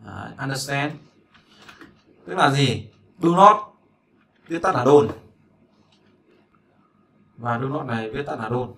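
A man's voice: mid-range voice, expressive, slow, creaky, long pauses, sharp tone, slight background noise. A man from Vietnam, teaching English in a chatty way, repeating words and checking that learners follow. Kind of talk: casual spoken lesson.

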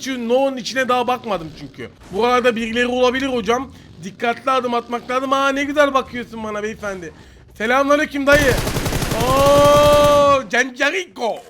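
A young man with a Turkish accent giving joking, excitable commentary over his own gameplay, teasing opponents. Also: very high voice, slight background noise. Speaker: gaming YouTuber.

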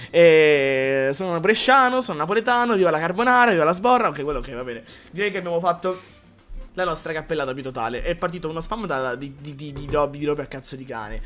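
A man from Calabria, a live streamer reading chat in a rambling, excitable way with crude jokes. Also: fairly high pitch, fast talker, faint music behind. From Calabria, Italy.

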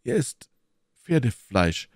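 A man's voice: on the low side, very animated, moderate pace, a little mellow, no echo, studio quality, voice pushed up. Athos, a man reading a haughty musketeer. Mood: mocking. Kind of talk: audiobook character reading.

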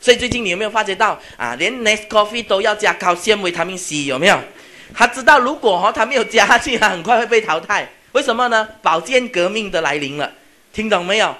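A man's voice: high-pitched, expressive, a little fast, bright, forceful tone. A man giving a motivational seminar lecture. He keeps checking that the audience is following and mixes English words into his speech. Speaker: seminar speaker.

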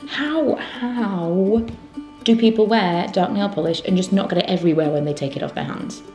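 A woman's voice: medium pitch, normal speed, warm tone, soft background music. A woman in her thirties with a British accent, chatting casually to camera in a daily vlog, rambling and self-deprecating. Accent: British English. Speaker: vlogger.

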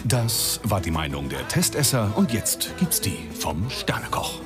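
A man with a low voice narrates a reality show, his pitch swinging widely as he makes ironic, dramatic remarks. Loud music plays under the voice-over. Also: wildly swooping pitch, a little slow. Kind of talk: scripted TV narration.

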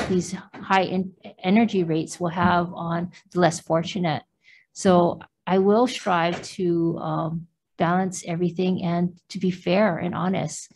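An older woman testifying as a nominee at a confirmation hearing, answering in a measured, careful way with hesitant fillers, through a mask into a table mic. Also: fairly low pitch, darkish tone, a little hiss or hum. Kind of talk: formal testimony answering questions. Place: government hearing room behind a plexiglass screen. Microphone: table microphone, wearing a face mask.

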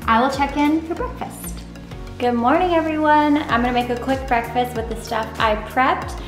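A high-pitched fitness vlogger in her thirties speaks at a moderate pace while cooking at home. She keeps the chat casual, upbeat and homey for a camera resting on the counter. The kitchen recording is echoey, with background music.

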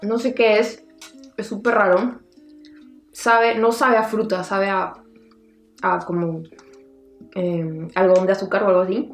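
A woman's voice: medium pitch, steady tone, unhurried, long pauses. Woman talking with her mouth full. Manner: blunt, candid reactions. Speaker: vlogger tasting snacks. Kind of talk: casual taste-test vlog. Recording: echoey room with music behind.

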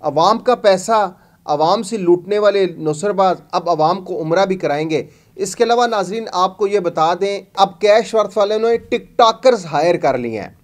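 A man's voice: high-pitched, animated, normal speed. A man hosting a commentary show, warning viewers about scams in an emphatic, accusatory, preacherly way.

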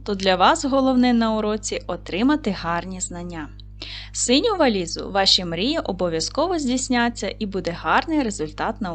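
A woman teaching a primary school class in a video lesson, speaking gently to the children and dictating words slowly and clearly. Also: medium pitch. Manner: slow, clear dictation with stressed syllables; gentle, encouraging address to children.

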